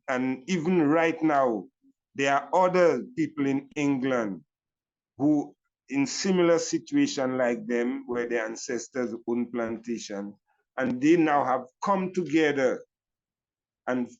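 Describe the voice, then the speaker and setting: A man's voice: mid-range voice, a little mellow. Older Caribbean man, Rastafari reasoning, dull recording. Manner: Rastafari elder's reasoning speech, deliberate phrasing with repetitions and "you know". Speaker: Rastafari elder. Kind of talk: reflective reasoning talk.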